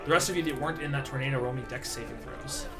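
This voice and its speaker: A man's voice: mid-range voice, very fast. A man acting as game master, narrating a tabletop roleplaying game and giving rulings to players. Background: music.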